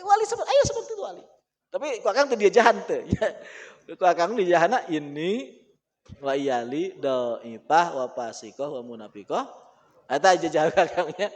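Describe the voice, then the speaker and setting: A man with a Sundanese accent teaching an Islamic book study, animated and laughing often as he mixes languages. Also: sits high. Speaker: religious teacher.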